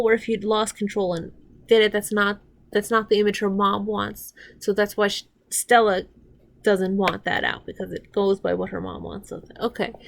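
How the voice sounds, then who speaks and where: A woman rambling casually through a show, recapping scenes with restarts and getting heated and swearing when annoyed. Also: medium pitch. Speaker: reaction commentator. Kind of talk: casual watch-along commentary.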